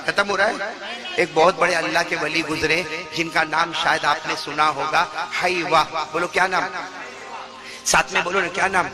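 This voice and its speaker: A male preacher telling a story in a sermon, calling on the audience to answer him. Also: fairly high pitch. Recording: background music.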